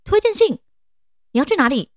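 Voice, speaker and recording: A woman's voice: fairly high pitch, big pitch swings, moderate pace, a bit bright, no room sound, clean studio sound, pitched above the performer's own voice. A woman putting on the voice of a startled male professor who stammers in disbelief. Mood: astonished. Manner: stammering, incredulous.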